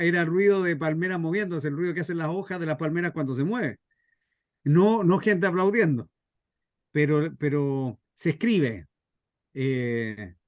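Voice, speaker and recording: Teaching a radio drama workshop, a Chilean-accented scriptwriter explains things in an informal way. His voice is fairly high-pitched, and the recording has no room sound.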